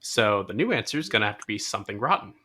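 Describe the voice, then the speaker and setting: A man's voice: lowish voice, sing-song, very fast, pushed and bright, slight background noise. A man chatting as a cast member on a theatre show, casual and a little hesitant. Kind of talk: casual chat.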